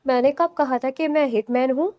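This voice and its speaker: Unflappable teasing young husband in a storybook, relaxed amused delivery, read by a woman, dry close mic. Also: sits high, no echo, natural voice. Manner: calm, teasing.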